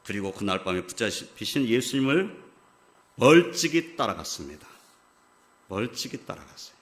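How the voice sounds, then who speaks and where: Korean pastor preaching a sermon. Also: male voice, lowish voice, sing-song, normal speed. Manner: explanatory, rising to emphatic stress on key words. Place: church sanctuary.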